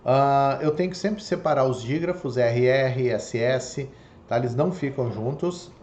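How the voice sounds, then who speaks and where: In an online Portuguese lecture, a man explains step by step, regularly checking in with "tá?" and "ok?". He has a mid-range, slightly mellow voice and a measured pace, and the room is echoey with faint noise in the background.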